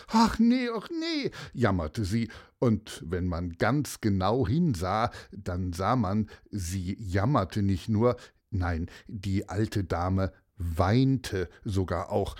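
A man narrating a children's story, expressive and addressing young listeners directly. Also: deep voice, slow pace.

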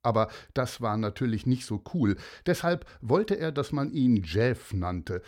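A man's voice: medium pitch, big pitch swings, a little slow, a little mellow. A man narrating a children's story, speaking directly to young listeners in a friendly way.

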